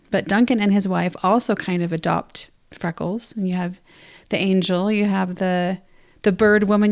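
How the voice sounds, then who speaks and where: A podcast co-host talks about books and ideas in a conversational, explanatory way on a book discussion show that mixes casual chat with reading from prepared notes. Her voice is medium-pitched, creaky and a little mellow.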